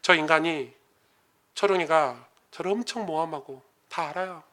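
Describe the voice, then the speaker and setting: Guy pastor giving a sermon, highish voice, goes quiet then gets loud and climbs up. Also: normal speed. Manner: swings from hushed to loud and rising when preaching.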